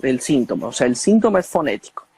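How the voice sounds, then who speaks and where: A man's voice: mid-range voice, big pitch swings, fast talker, darkish tone, slightly rough, no echo. A man speaking as an expert guest, explaining in a didactic way with many fillers and tag questions. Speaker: guest expert on speech disorders. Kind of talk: explanatory conversation.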